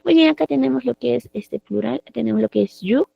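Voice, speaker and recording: A woman's voice: a little high, a little fast, gravelly, husky, no echo. A woman with a Peruvian Spanish accent, teaching a live online English class and explaining patiently with lots of repeated tag questions. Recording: dry, phone-like online call audio.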